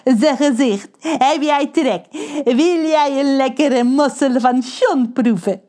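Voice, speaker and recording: A woman's voice: high voice, slow, warm tone, in a large hall, pitched above the performer's own voice. A woman voicing a spiteful, gleeful male pirate in a children's audiobook, taunting and bossy.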